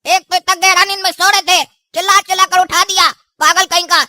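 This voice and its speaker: A woman's voice: very high voice, fairly even intonation, fairly quick, no room sound, clean studio sound, heavily acted. A woman voicing a hot-tempered young son in a cartoon, hurling insults. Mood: angry. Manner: rude, shouting insults. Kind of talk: cartoon dubbing.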